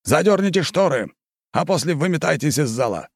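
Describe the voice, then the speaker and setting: A male audiobook reader voicing a lecherous, scheming marquis with a smooth, pompous manner. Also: mid-range voice, expressive, moderate pace, dry recording, studio quality, pitched above the performer's own voice. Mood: fawning. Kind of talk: audiobook character reading.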